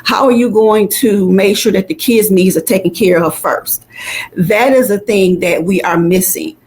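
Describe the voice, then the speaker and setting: A woman's voice: mid-range voice, normal speed, darkish tone. An older woman speaking bluntly and emphatically in an opinionated group discussion, sounding exasperated. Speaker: panel speaker.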